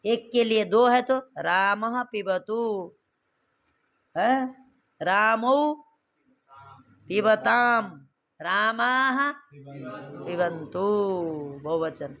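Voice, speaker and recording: A man's voice: sits high, extremely slow, creaky, long pauses, sharp tone. A man teaching Sanskrit grammar to a class, repeating verb forms and quizzing students with questions.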